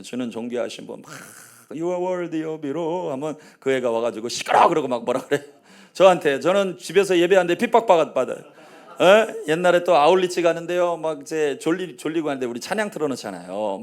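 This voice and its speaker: A man in his forties, a pastor preaching a sermon, telling family stories in a low voice and rising to loud rallying calls. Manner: swings between hushed storytelling and loud rallying calls; acts out his family's quoted lines.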